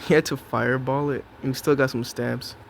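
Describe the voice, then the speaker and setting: A man's voice: medium pitch, steady tone, fairly quick, gravelly, noisy background. A young man giving casual, jokey commentary on his own match, talking to himself and to his opponent. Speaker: gameplay commentator. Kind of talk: live gameplay commentary.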